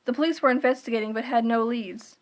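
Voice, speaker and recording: A female narrator with a somewhat high-pitched voice reads a scripted horror tale. Her delivery is deliberate and dramatic, in the manner of creepypasta storytelling. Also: fairly even intonation.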